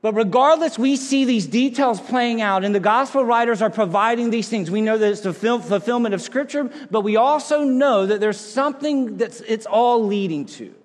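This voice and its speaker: A male pastor preaching a sermon from the pulpit, with dramatic pauses and sudden hushed drops in his delivery. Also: very high-pitched. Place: church sanctuary. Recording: long hall reverb.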